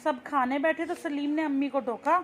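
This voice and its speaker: A young woman teacher with a high, steady voice reads a textbook story aloud at a moderate pace, with slight background noise. She reads each line, then restates it in simple words.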